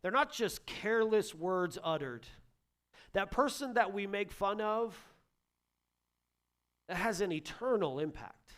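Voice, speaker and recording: High-voiced energetic male pastor preaching. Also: a little slow, long pauses. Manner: energetic, swings between loud urgency and soft hushed lines. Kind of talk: sermon.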